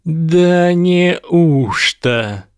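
A man's voice: medium pitch, expressive, moderate pace, creaky, dry recording, clean studio sound. A man voicing a haughty aristocratic schoolboy wizard with a sneering, drawling manner in a read-aloud story.

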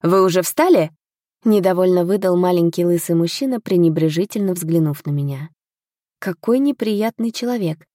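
A woman's voice: on the low side, normal speed, warm tone, no echo, studio quality. A woman narrating a first-person audiobook expressively, voicing the heroine's lines with indignation.

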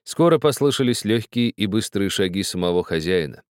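A man narrating a story as an audiobook reader, with expressive, measured storytelling. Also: lowish voice, dry recording, studio quality. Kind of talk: scripted narration.

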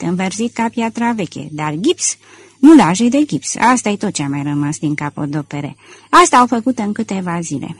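A woman voicing an eager, clever young male detective, speaking in excited, emphatic exclamations. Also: fairly low pitch, no echo.

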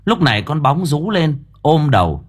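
A man narrating an audiobook story in a dramatic, expressive storytelling manner. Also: fairly high pitch, moderate pace, breathy edge.

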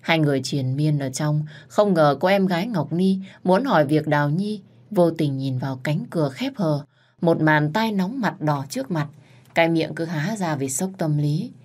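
A woman narrating a storybook in a calm, even manner. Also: sits low, moderate pace.

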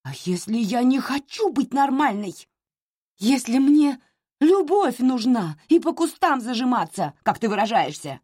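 A woman's voice: lowish voice, lively intonation, moderate pace, mellow, dry recording, studio quality. A woman doing a defiant lovesick woman. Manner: pleading, defiant. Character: lovesick woman defending her love.

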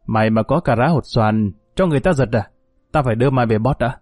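A man's voice: medium pitch, quick pace, a little mellow, no room sound, studio quality, lightly acted. A man reading the part of a harsh, contemptuous male policeman in curt, scornful barks.

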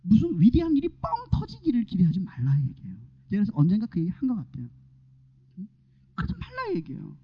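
Male pastor, lively preaching sermon, whisper-to-shout swings, dull lo-fi recording. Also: sits high, fast talker, slightly rough. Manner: swinging from hushed whispers to loud exclamations, asking the congregation questions.

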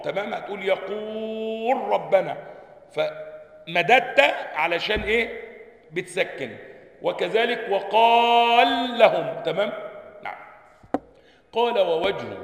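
Gravelly Egyptian sheikh in an echoey hall. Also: male voice, a little high. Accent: Egyptian Arabic. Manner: checks in with listeners by asking questions, then answers them himself; reads a passage aloud, then explains it. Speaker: sheikh teaching Quran sciences. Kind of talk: classroom lesson explaining a book. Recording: echoey hall with long reverb.

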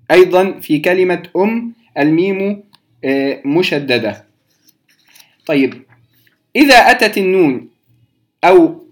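High-voiced man teaching recitation rules. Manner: patient, stops to repeat key terms slowly; addresses listeners directly. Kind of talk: explaining recitation rules to beginners.

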